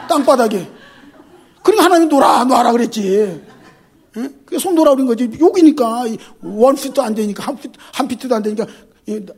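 Husky, high-voiced preaching man. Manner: emphatic, swings from quiet to shouting, animated storytelling. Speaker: pastor. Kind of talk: sermon.

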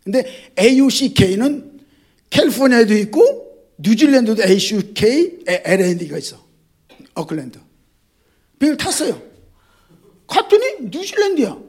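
A male pastor giving an animated sermon, addressing the congregation directly, repeating key words and mixing in jokes. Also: high voice, moderate pace, pauses often, husky.

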